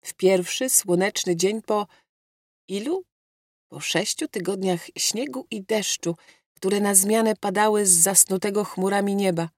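A woman narrating an audiobook in a measured, reflective way, close to a studio mic. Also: mid-range voice, no room sound. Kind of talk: scripted narration.

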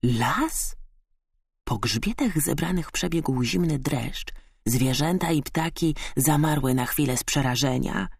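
A man narrating a children's animal story in an expressive, lively way. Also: fairly high pitch, measured pace, vocal fry, breathy edge, no echo, clean studio sound.

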